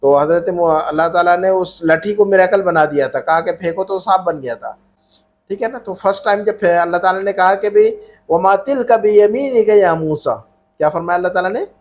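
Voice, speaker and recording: High-voiced man drilling Arabic grammar. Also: a little fast, a little hiss or hum. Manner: patient, repeats questions and prompts students to answer back. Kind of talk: classroom grammar lesson with call-and-response drilling.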